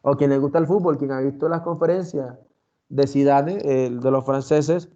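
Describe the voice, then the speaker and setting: A man's voice: medium pitch, fairly even intonation, normal speed, warm tone, highs cut off. A man teaching an online class, lecturing and often asking the students questions. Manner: talkative, asks the class questions, many fillers.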